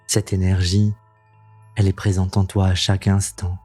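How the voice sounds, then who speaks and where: A man leading a guided meditation in a soothing, gentle, intimate voice that sounds close to the ear, unhurried and calming, as the host of the practice. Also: low voice, husky, soft background music. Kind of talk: slow guided meditation narration.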